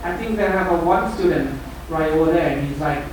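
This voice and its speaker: A middle-aged man, head of a university center, gives a rambling welcome speech full of "you know". His voice sits fairly high. He sounds distant in a very echoey room with audible hiss. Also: a little fast. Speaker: head of a university center giving opening remarks. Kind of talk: formal welcome speech, loosely phrased. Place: large lecture room.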